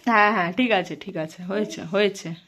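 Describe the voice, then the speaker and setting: A young woman with a Bengali accent filming her small son for a family vlog, coaxing him in a playful sing-song and dropping to hushed asides. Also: mid-range voice, fairly quick. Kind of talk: casual family vlog narration and talk to a child.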